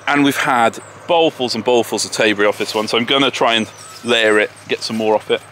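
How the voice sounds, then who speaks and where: A man's voice: mid-range voice, fairly bright tone, a little hiss or hum. A man with an English accent giving a casual, chatty walking tour of his homestead outdoors, often poking fun at himself. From England. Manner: chatty and self-deprecating. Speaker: homesteader vlogger. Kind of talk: casual walk-and-talk tour. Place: outdoors in a garden and orchard. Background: distant tractors and farm vehicles.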